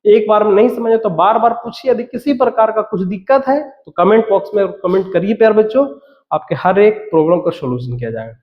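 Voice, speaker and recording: A man's voice: high-pitched, lively intonation, fairly quick. A man teaching a school maths lesson, walking through a proof step by step, repeating terms and answering his own questions. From Bihar, India. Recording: roomy echo, dull lo-fi sound.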